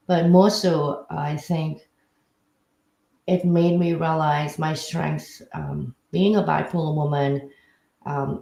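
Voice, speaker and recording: Earnest woman with a gravelly voice. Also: deep voice, warm tone, echoey room, low-quality recording. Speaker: guest speaker. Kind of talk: casual self-introduction. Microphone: video call.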